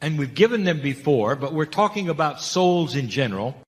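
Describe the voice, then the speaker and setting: Guy channeling spirit stuff, pitch jumps all over, lots of rhetorical questions, hall echo. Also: sing-song, a little fast. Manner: emphatic, rhetorical questions, repeats key phrases. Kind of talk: channeled spiritual talk to an audience.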